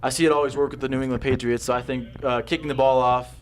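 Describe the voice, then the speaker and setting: A man's voice: medium pitch, fairly even intonation, fast talker. A man doing enthusiastic, upbeat play-by-play commentary on a football game. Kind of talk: live sports commentary.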